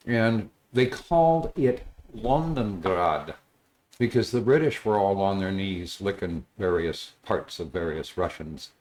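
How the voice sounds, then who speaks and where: A man's voice: deep voice, expressive, unhurried, darkish tone. A man co-hosting a casual political podcast who talks in a blunt, opinionated way. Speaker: podcast co-host.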